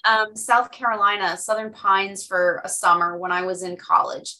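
A woman's voice: mid-range voice, fairly even intonation, normal speed, sharp tone, recorded from a distance, poor audio. A woman hosting a podcast interview, a chatty storyteller who laughs often. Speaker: podcast host. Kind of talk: casual conversational interview.

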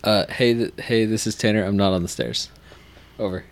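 Hesitant worker on walkie-talkie radio, crackly bad reception, low-key everyday voice, a player doing it. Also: normal speed. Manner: hesitant, ends with "over". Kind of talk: in-character roleplay.

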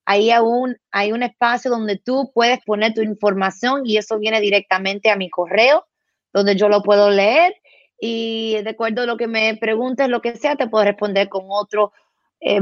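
A woman speech therapist explaining things in an interview, animated, imitating animal sounds and mixing in English words. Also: medium pitch, no room sound, lo-fi sound.

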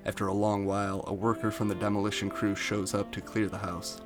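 A man with a fairly low voice reads out a story pitch in a steady narrating manner. Music plays clearly behind his voice. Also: brisk. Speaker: podcast co-host pitching a fan episode. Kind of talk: reading a written episode pitch, then casual chat.

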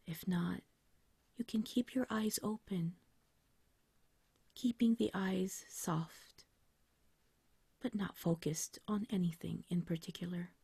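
This meditation guide, a woman, narrates in the manner of a sleep story. She has a lowish, breathy, whispery voice and a soft, calm, unhurried delivery, recorded without echo.

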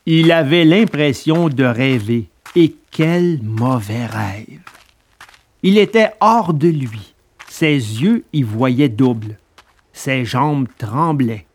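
A man narrating a children's tale aloud in a steady, expressive storytelling voice. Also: medium pitch, takes it slowly. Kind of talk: audiobook reading of a children's tale.

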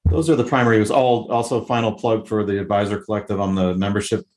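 Low-voiced rambling male guest. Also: steady tone, fast talker, darkish tone. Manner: rambling, with fillers and restarts. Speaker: podcast guest, consultant. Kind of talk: casual interview chat.

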